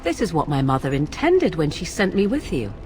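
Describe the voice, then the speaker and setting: A woman's voice: sits low, huge pitch swings, a little mellow, faint music behind. Cool, persuasive witch, swooping intonation. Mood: solemn, persuasive. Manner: formal, archaic, measured phrasing. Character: cool, persuasive young witch offering a dark ritual. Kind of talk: dramatic fantasy game dialogue.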